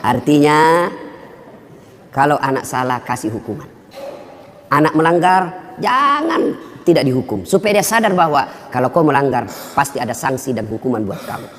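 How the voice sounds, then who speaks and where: A male preacher giving a sermon with animated storytelling, acting out the voices of the people in his stories. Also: a little high, moderate pace, in a large hall, slight background noise.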